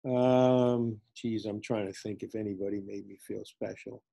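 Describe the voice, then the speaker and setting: Mellow-voiced man telling a story. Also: on the low side, fairly even intonation, normal speed, gravelly. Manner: rambling, with hesitant fillers. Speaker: small group participant. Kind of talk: casual storytelling on a video call. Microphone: video call.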